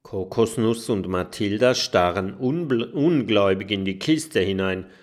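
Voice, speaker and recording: A man narrating a children's storybook with deliberate, expressive reading. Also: lowish voice. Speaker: audiobook narrator.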